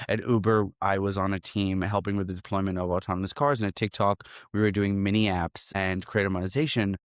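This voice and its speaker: A man from Hong Kong, a startup founder, speaking as an interview guest in a relaxed, reflective way and often repeating phrases. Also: on the low side, smooth, no room sound, clean studio sound. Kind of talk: casual interview.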